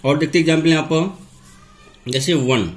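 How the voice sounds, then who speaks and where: A man teaching English grammar in a classroom lesson. He asks questions and answers them himself, and says key words over slowly. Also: a little high. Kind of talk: classroom lesson, step-by-step explanation.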